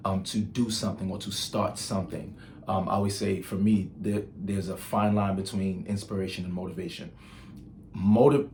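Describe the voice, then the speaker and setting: Gravelly-voiced man from Nigeria chatting. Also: deep voice, a little hiss or hum. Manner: chatty and storytelling, with filler ums and restarts. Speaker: channel host. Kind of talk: casual vlog monologue.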